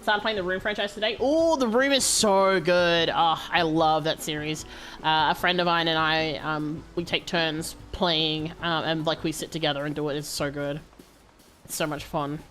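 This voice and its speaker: A woman's voice: low voice, fairly even intonation, normal speed, fairly bright tone, faint music behind. A woman livestreamer chatting casually over a game stream with a cute, bubbly anime-streamer manner.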